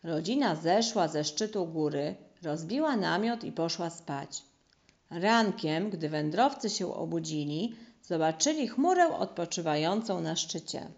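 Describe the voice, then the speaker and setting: A woman reading a children's storybook aloud in a calm, measured way. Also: fairly low pitch. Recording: slightly muffled recording.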